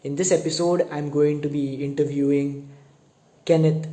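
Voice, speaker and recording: A young male host with a slightly high, dark-toned voice chats with an old school friend in a casual video-call interview. He laughs often, hesitates, and stumbles over repeated words when asking questions, with flat delivery at a moderate pace. Soft music plays behind, and the audio is poor.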